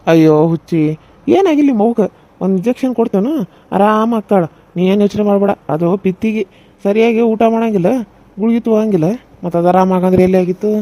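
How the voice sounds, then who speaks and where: A performer voicing a reassuring small-town male doctor with a North Karnataka Kannada accent, who speaks in a calm, matter-of-fact way. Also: mid-range voice, fairly quick, natural voice.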